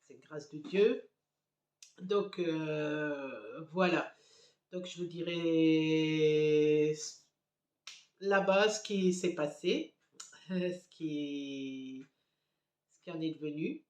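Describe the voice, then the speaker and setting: A woman's voice: sits low, very slow, long pauses, darkish tone, lo-fi sound. A middle-aged woman chatting casually to her phone camera at home, rambling with many hesitant fillers. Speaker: family vlogger. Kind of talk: casual vlog chat to camera. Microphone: handheld phone camera. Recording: echoey home room.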